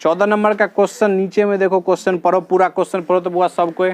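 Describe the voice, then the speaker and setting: A man's voice: high voice, little pitch movement, quick pace, a little mellow. A male teacher, patiently walking his students through reasoning questions in a classroom and repeating each answer.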